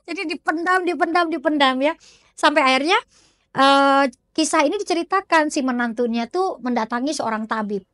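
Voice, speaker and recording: A woman's voice: high-pitched, moderate pace, no room sound, clean studio sound. Chatty woman telling a story. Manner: chatty, animated, with frequent tag words. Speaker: religious speaker. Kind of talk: storytelling talk at a religious study gathering.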